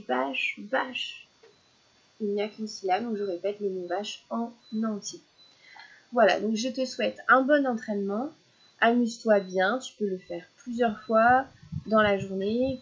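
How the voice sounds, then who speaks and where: A woman teaching young children syllables in a slow, patient lesson, repeating each word clearly. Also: mid-range voice, dull audio.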